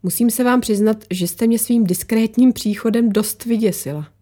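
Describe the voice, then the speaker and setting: A woman's voice: fairly high pitch, dark tone, pitched above the performer's own voice, lightly acted. A woman voicing a tense, guarded war photographer who snaps back defensively. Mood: agitated. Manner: defensive, snapping, agitated.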